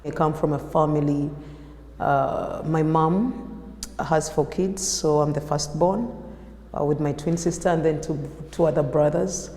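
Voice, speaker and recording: Woman artist, Ugandan accent, warm low-key delivery, interview recorded in an echoey hall. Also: fairly even intonation, a little slow. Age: 30s. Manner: reflective, with frequent fillers and restarts. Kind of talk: personal interview storytelling. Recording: echoey room with long reverb.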